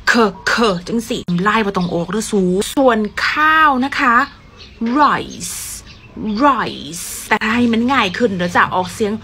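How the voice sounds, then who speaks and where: Lively Isan-accented young woman teaching. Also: fairly high pitch, a little hiss or hum. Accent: Isan (Northeastern Thai). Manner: animated, teasing, repeats words slowly. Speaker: pronunciation teacher. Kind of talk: playful English pronunciation lesson.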